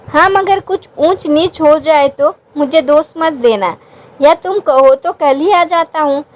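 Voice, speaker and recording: A woman's voice: high voice, unhurried. Woman voicing a playful teasing young husband.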